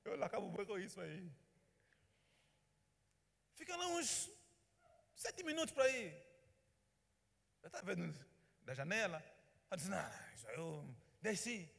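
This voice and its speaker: A man's voice: sits high, measured pace, gravelly, pauses often. A male pastor, telling a story in a sermon and acting out the dialogue. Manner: animated storyteller, acts out dialogue. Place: church hall. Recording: reverberant church hall.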